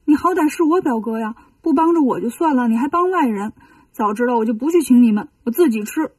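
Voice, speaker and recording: Woman playing a sulky young alligator demon, storybook, whiny, fairly high, mellow. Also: lively intonation, fast talker, husky, dry recording, far from the mic. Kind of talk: children's storybook reading.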